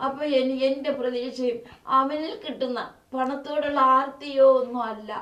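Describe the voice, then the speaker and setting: A woman's voice: high-pitched, steady tone, normal speed, highs cut off. A middle-aged woman, a bereaved mother giving a tearful, pleading interview. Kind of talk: emotional interview testimony.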